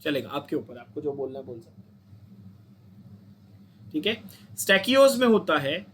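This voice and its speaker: A young man with an Indian accent teaches chemistry in a high-pitched voice, checking often that his students follow. He repeats the key points and asks the class to say them back. A faint hum of room noise sits under the voice. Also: sing-song, normal speed, a bit bright. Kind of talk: online lecture.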